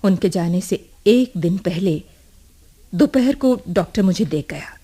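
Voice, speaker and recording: A woman's voice: on the low side, animated, a little slow, warm tone, slightly rough. An actress playing a proud, defiant young woman in a radio drama, telling her story with earnest emotion. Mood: earnest recounting. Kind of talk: 1980s radio drama acting.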